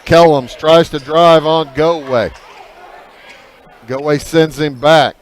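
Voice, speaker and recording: A man calling a high school basketball game play by play, measured with filler pauses, lifting his voice on big plays. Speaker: play-by-play announcer.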